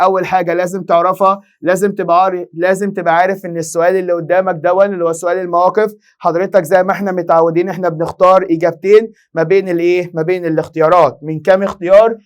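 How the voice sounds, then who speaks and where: A man's voice: high-pitched, level tone, racing, hardly any pauses, smooth. A young Egyptian man with an Egyptian Arabic accent teaching an exam-prep lesson, firing rhetorical questions at students and answering them himself. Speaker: Italian language teacher.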